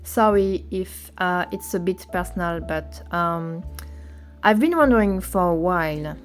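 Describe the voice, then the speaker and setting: A woman acting in an animated short film, speaking in an earnest, questioning manner. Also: fairly low pitch, a little slow, lightly acted. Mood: probing. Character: opinionated woman, later a polite, attentive therapist. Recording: music under the voice.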